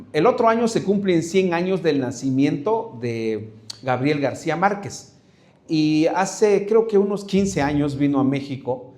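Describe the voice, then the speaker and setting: A man's voice: fairly high pitch, a little mellow. A middle-aged man preaching a sermon as pastor, conversational and hesitant, often repeating words and asking the congregation to repeat after him.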